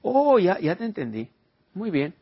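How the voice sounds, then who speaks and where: A man's voice: high-pitched, big pitch swings, a little slow, husky, no echo, muffled recording. A man preaching an informal sermon, telling personal stories and asking his listeners rhetorical questions. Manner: conversational storytelling with rhetorical questions.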